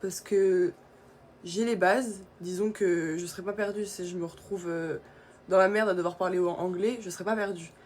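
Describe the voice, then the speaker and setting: A woman's voice: fairly low pitch, fairly even intonation, moderate pace. A young woman from France chatting casually through her skincare routine, with many fillers. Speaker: beauty vlogger.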